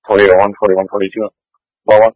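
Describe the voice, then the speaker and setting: A man's voice: on the low side, flat delivery, fast. A police officer speaking over a two-way radio in clipped call codes, his voice muffled by the transmission. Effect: heard over a two-way radio.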